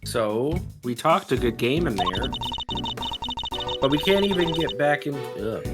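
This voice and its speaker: A woman voicing a bossy, plucky young female sidekick in a video game, casual and direct, over loud music. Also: very deep voice, sing-song, a little slow, heavily acted. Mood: brisk. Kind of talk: live voice-acted read-through of a video game.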